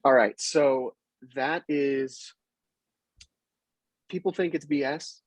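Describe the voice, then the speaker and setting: Male guest, husky, animated storyteller; dry close recording. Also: mid-range voice, slow, no room sound. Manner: animated retelling, acts out quotes. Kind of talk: casual storytelling.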